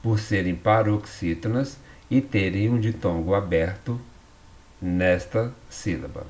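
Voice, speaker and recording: Man, Brazilian Portuguese accent, teacher, recorded lesson, low voice, unhurried, patient explanations. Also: a little mellow. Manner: patient, explanatory, frequent tag questions.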